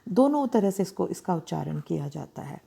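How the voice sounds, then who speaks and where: A woman teaching children how to write vowels, speaking slowly and deliberately, drawing out each sound and checking that they follow. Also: fairly low pitch, sing-song, gravelly, warm tone, husky. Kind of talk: slow, patient handwriting lesson for children.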